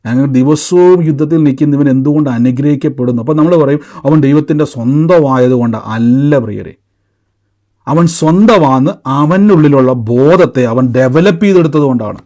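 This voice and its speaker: On a live-streamed sermon, a man preaches in a mellow voice that sits on the high side. He asks emphatic, rising questions and leads his listeners through repeated declarations in call-and-response.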